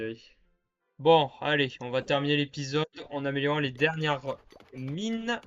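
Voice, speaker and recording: Joking French gaming YouTuber, slightly high voice. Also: male voice, fairly bright tone. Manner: joking, self-mocking, chatty with viewers. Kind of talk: casual gameplay commentary. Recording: dull lo-fi sound with faint background noise.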